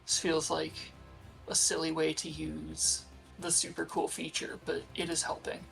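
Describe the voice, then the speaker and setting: A tabletop player mulls over a turn out loud, slow and level with a gravelly, creaky edge to the voice. Faint music sits under the talk. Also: mid-range voice, completely flat delivery. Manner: slow, unsure, thinking aloud. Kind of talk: tabletop game play.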